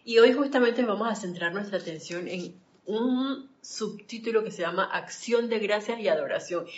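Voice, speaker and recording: A woman's voice: mid-range voice, normal speed, lo-fi sound. A woman leading a live-streamed spiritual study class, chatting with viewers and wandering into anecdotes. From Panama. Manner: chatty, warm greetings to viewers, digressive anecdotes. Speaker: spiritual study group leader.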